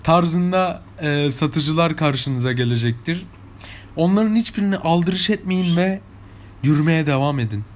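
A man's voice: fairly high pitch, unhurried. A young man from İzmir with an İzmir Turkish accent, telling anecdotes to his viewers in a chatty, casual way. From İzmir, Turkey. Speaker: vlogger. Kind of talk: casual storytelling monologue.

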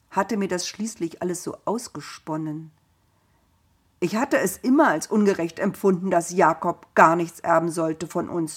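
A woman tells a story in the first person, slowly and without hurry. Her voice is husky and soft-edged, and her delivery stays calm and measured. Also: fairly low pitch.

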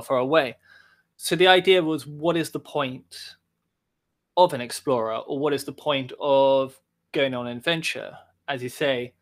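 A man with a mid-range, fairly bright voice joins a casual podcast interview as a guest over a remote call. He's reflective and rambling, and he says "sort of" a lot.

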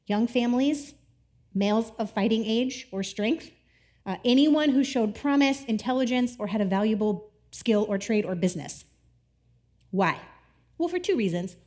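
A woman's voice: fairly high pitch, animated, normal speed, darkish tone. A woman in her thirties giving a casual, playful sermon with laughing asides and a scripture reading. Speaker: pastor.

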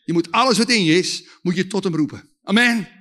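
A man preaching a sermon with testimony, leading lively call-and-response with the audience and shouting at the climaxes. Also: high-pitched, fairly quick.

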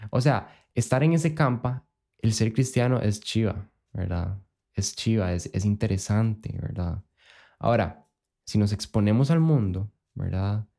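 A man's voice: on the low side, lively intonation, measured pace, vocal fry, dark tone. A young man with a Costa Rican accent, reflecting in a laid-back way on a casual faith podcast, with slang and rhetorical questions. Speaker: podcast co-host.

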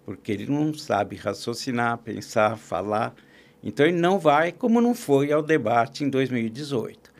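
A man's voice: medium pitch, animated, moderate pace. A man, a podcast guest who talks politics in a casual, opinionated way, often restarting his sentences. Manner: talkative, opinionated, frequent restarts and fillers. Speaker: podcast guest, columnist and agribusiness consultant.

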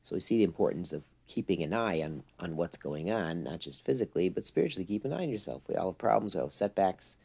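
Deep, mellow-voiced man teaching religious texts. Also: expressive, fast talker, gravelly, few pauses, slightly rough. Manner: peppers English with Hebrew and Yiddish terms. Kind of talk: informal religious text lesson, reading then explaining.

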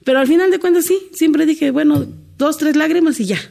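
Woman, middle-aged, gravelly, mellow, earnest storyteller. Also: high-pitched, a little fast. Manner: earnest, storytelling with many restarts. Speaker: guest, domestic worker. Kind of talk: candid interview conversation.

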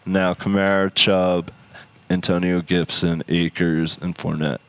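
A man co-hosting a casual podcast, teasing and excitable. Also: deep voice, a little slow, background noise. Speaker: podcast co-host. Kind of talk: casual banter among friends.

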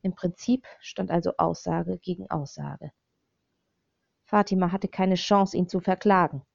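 A woman reads a dark thriller audiobook in scripted narration, her voice fairly low, creaky and measured. Her delivery is steady and even, and the recording is slightly dull and dry with no echo.

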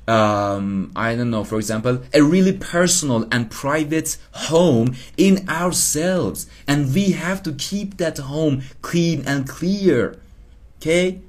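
Slow, lively self-help podcaster, man. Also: a little high. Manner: rambling, repeats himself, laughs at himself. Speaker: podcast host. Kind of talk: casual self-help monologue.

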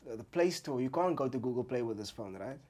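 A man's voice: mid-range voice, expressive, fast, darkish tone. A man in a casual podcast chat who speaks loosely with slang and swearing.

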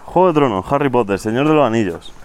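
A man's voice: mid-range voice, lively intonation, quick pace, clean tone. A man co-hosting a podcast outdoors on a street, chatting casually and joking around. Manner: joking, playful banter. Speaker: podcast co-host. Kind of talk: casual chat.

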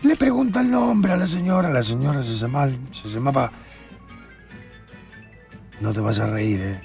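A man's voice: medium pitch, lively intonation, normal speed, vocal fry, a little mellow, soft background music. A man in his seventies with a Rioplatense Spanish accent tells a comic childhood story, insisting on his point and acting out the scenes. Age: 70s. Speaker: storytelling guest. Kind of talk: comic anecdote on a talk show.

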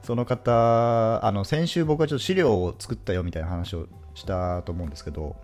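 A man co-hosting a casual comedy podcast, telling a workplace story with deadpan delivery and crude self-mocking jokes. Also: lowish voice, a little fast, faint music behind. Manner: deadpan, answers with flat "hai", crude self-deprecating jokes. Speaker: podcast co-host.

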